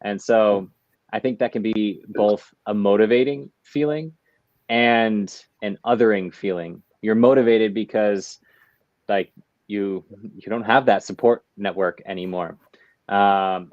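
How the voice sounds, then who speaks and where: An American man with a lowish voice and measured pace is a guest on a podcast interview, an artist and entrepreneur. He talks reflectively and easygoingly, laughing often. The remote audio is dull, dry and lo-fi.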